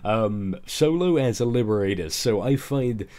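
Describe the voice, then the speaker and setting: Groggy, mellow man doing game commentary. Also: lowish voice, expressive, a little slow. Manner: explanatory, informal. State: ill, groggy. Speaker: gaming video creator.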